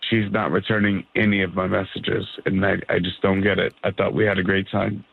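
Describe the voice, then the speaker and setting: Halting man on a speakerphone line. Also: deep voice, flat delivery, vocal fry, husky. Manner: halting, stammering. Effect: heard over speakerphone on a phone line. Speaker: radio show caller. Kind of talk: casual phone chat. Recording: tinny phone line.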